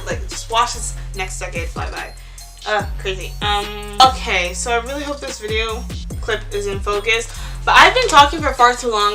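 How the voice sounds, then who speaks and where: A seventeen-year-old girl vlogging to camera in casual chat, rambling and saying "like" a lot. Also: fairly high pitch. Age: teens. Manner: chatty, rambling, lots of "like" and "ew". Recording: music playing under the voice.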